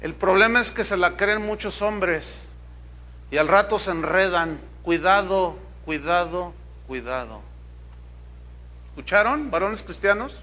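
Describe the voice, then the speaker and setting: Bright, high-voiced pastor preaching. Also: male voice, normal speed. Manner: conversational, humorous, asks rhetorical questions. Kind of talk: sermon.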